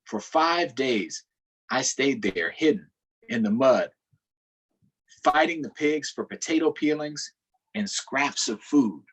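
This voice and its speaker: A man hosting a virtual storytime reads a picture book aloud to children, expressive and stopping to ask them questions. His medium-pitched voice takes it slowly, with frequent pauses. The audio quality is poor.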